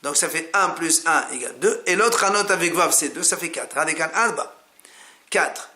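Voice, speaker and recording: A man's voice: on the high side, moderate pace, pushed and bright. A man teaching a Talmud class in French, explaining each step and repeating key words as he addresses the listener directly. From France.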